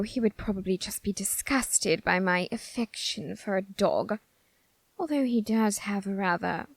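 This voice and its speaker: Here a woman, fully in character, gives a coy, musing theatrical monologue as a vain, lovestruck, flamboyant reaper in an audio roleplay. Her voice is mid-range, her words dramatic and drawn out, and there's no echo.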